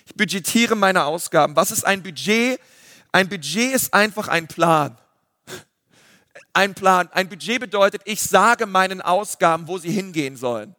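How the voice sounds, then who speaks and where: A man, a pastor giving a lively sermon full of fillers. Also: sits high, moderate pace, no room sound, clean studio sound, long reverb tail. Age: 30s. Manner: lively preaching with filler words.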